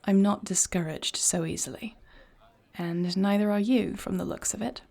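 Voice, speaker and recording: Playing a warrior queen who is noble and devoted, a woman performs an intimate fantasy audio roleplay with a breathy, husky voice and formal, earnest, measured speech. She keeps a mid-range, steady, mellow tone, concerned and thoughtful in mood, and the recording has no echo.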